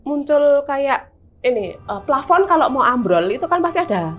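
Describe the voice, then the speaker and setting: A bright-voiced woman with a Javanese accent tells a spooky story of her own in a relaxed chat, animated and full of fillers. Her voice sits fairly high, and soft music hums underneath. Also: moderate pace. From Semarang, Central Java, Indonesia. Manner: animated, vivid retelling with many fillers. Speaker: guest telling a personal horror story.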